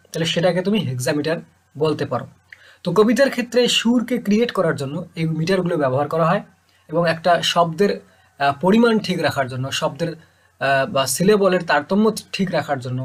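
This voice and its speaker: A man's voice: fairly high pitch, animated, fairly quick. A man teaching poetic meter, explaining patiently and repeating key points for his students. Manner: patient, repetitive explaining, addresses students informally. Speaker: literature teacher.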